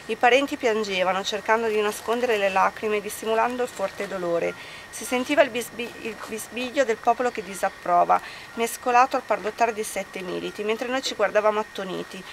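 A woman reading a historical account aloud in a measured, solemn way at an outdoor commemoration. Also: mid-range voice. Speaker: reader at a commemoration. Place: outdoors at a memorial bike ride. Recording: outdoor recording with clear background noise.

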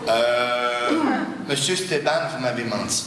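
A man playing a flustered, pompous middle-aged office boss with a Quebec French accent, halting and exasperated, in stage comedy. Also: mid-range voice, a little hiss or hum. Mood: flustered, formal. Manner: halting, exasperated, repeats himself. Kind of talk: live stage sketch comedy. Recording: echoey theatre with loud audience.

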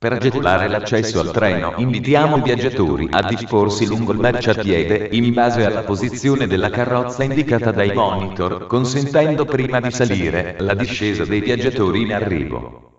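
A man's low voice delivers automated railway announcements over a station loudspeaker. The sound is muffled and heavily reverberant, as in a large hall. His phrasing is formal, measured and pieced together in segments. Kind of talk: automated public train announcements. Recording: muffled, very echoey station PA, distant.

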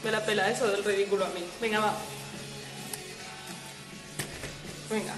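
A woman's voice: mid-range voice, steady tone, slow, roomy sound, music in the background. A woman with a Spain Spanish accent hosting a casual livestream chat from a hammock at home, talking into her phone, reading viewer comments and laughing often. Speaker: livestream host. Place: at home lying in a swaying hammock.

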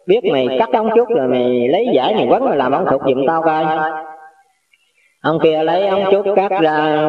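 A man's voice: fairly high pitch, heavy reverb, recorded from a distance, phone-quality sound. A man with a Southern Vietnamese accent telling a religious folk story in a folksy way, acting out the characters' dialogue. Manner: folksy, acts out dialogue in quotes.

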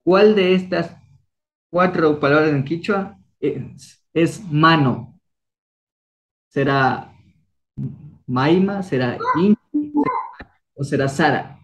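A man's voice: on the high side, slow pace, pauses often. Upbeat young man quizzing a class. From Ecuador. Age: young adult. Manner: encouraging, coaxing questions. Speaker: Kichwa language teacher. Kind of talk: online class, quizzing students.

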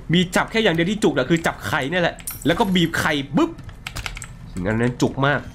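A young man talks over his horror game in a lively, swinging voice that jumps up and down in pitch. He is excitable and crude, swearing at enemies and joking as he plays. A faint hiss sits under the desk mic. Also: normal speed. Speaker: gaming streamer. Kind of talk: live game commentary.

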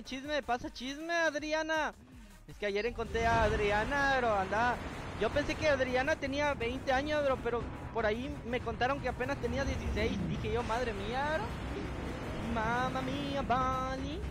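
High-voiced slangy streamer man. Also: noisy background. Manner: slangy, chatty, reads out viewers' names. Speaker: gaming streamer. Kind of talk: casual live-stream gameplay chat. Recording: game music clearly heard behind. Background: game music.

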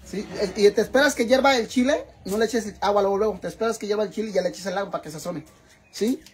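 A man's voice: sits high, fast talker, slight background noise. A man with a Mexican accent talking in a casual cooking vlog. He is dramatic and chatty, swears freely, and keeps calling his viewers sisters. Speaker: vlogger.

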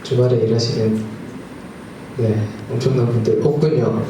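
A thirties-aged singer-songwriter playing live in a small music club banters between songs, friendly and a little nervous. His voice is medium in pitch, steady, and at normal speed. The crowd is loud, and the distant mic catches club echo and music behind him.

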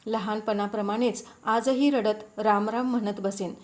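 A woman's voice: mid-range voice, a little slow, a little hiss or hum. Woman reading a storybook aloud. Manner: steady, expressive reading of a classic novel. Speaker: audiobook reader.

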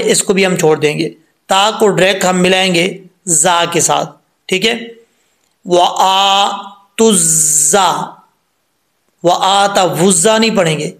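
A man with a fairly high voice teaches correct recitation at an unhurried pace. He explains each point patiently and reads the verses slowly, close to the mic. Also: fairly bright tone. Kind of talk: tajweed lesson with slow chanted recitation.

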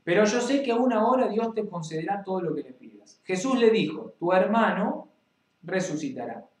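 Rioplatense male preacher, fairly high voice, reads scripture and speaks straight to the listener, roomy echo. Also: lively intonation, moderate pace. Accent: Rioplatense Spanish. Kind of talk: Bible reading and preaching.

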